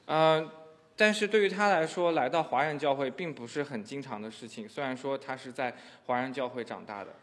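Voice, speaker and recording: At medium pitch and a little fast, a man renders a sermon into another language, hesitating often and leaning on many fillers. The recording carries the echo of a church hall.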